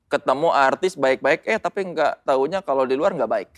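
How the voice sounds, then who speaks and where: A man hosting a casual chat, firing off quick joking questions. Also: mid-range voice, animated. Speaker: host.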